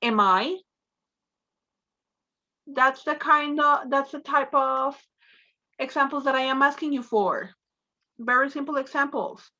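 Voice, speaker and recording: Woman teacher, high and bright, patient and encouraging; muffled video-call audio. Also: steady tone, a little slow. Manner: encouraging, prompts students with repeated questions. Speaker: English teacher. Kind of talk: online class lecture.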